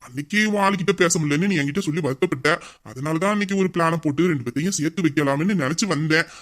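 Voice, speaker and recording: A man's voice: on the high side, quick pace, fairly bright tone, lightly acted. A man voicing a sly young male friend who pleads and wheedles nonstop in a casual audio story. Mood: pleading.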